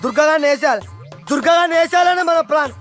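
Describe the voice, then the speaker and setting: An actor playing an excitable henchman who eggs on the gang in broken English. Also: very high voice, very fast, faint music behind.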